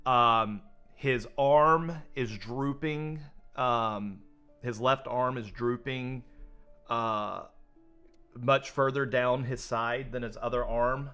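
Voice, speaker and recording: A male game master narrates a tabletop game in a slow, halting way, full of fillers. His voice is bright and clear. Soft music plays in the background. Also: mid-range voice, steady tone. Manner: hesitant, many fillers.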